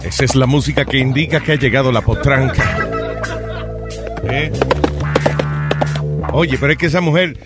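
A man's voice: medium pitch, moderate pace, pauses often. A man hosting a comedy radio talk show, playful and teasing, dropping English phrases into his talk. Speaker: host. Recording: loud music playing behind.

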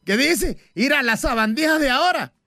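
A man's voice: very high voice, lively intonation, moderate pace, pushed and bright, dry recording, clean studio sound. A man telling short jokes on a radio show with a punchy delivery. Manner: punchy joke delivery, laughs at own jokes. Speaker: radio joke teller.

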